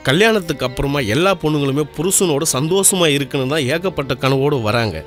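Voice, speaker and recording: An actor playing a calm village elder who explains a moral point in a steady, reasoning voice, in a film. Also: male voice, fairly high pitch, a little fast. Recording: film soundtrack with music.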